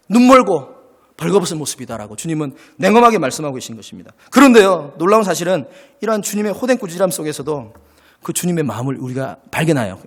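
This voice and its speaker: A man's voice: fairly high pitch, fairly bright tone. A man preaching a sermon as pastor, acting out little dialogues and laughing along with the congregation. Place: church sanctuary. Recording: long church reverb.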